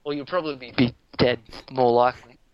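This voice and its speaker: A man's voice: mid-range voice, fairly even intonation, fairly quick, lo-fi sound. A young Australian man in casual, laid-back chat, swearing freely as he banters.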